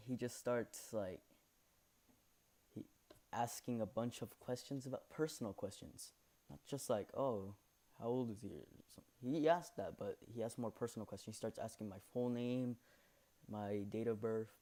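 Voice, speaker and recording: A teenage guy narrates a school story for his channel in a loose, rambling way. His voice is mellow and even in pitch, and he keeps correcting himself and filling gaps with "like". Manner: rambling, many fillers and self-corrections. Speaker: channel host. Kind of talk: casual storytelling over gameplay.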